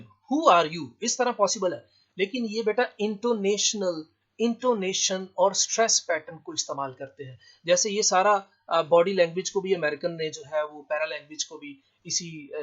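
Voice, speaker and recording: A man teaching an English lesson, reading English sentences aloud and translating them line by line. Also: high voice. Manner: explains slowly, reads English lines aloud then translates. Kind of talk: lecture with translation. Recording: dull lo-fi sound.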